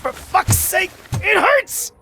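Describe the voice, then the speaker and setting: A man playing a brash, foul-mouthed suspect in a video game, agitated and shouting with strain. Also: very high voice, huge pitch swings, slow pace, creaky, noisy background, heavily acted. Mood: panicked, pained. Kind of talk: video game character dialogue.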